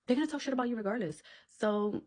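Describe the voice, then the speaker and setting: Fast-talking, blunt woman creator. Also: a little high, darkish tone. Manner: chatty, blunt, casual swearing, frequent "like" and "okay?". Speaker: beauty content creator. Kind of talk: casual advice talk to camera.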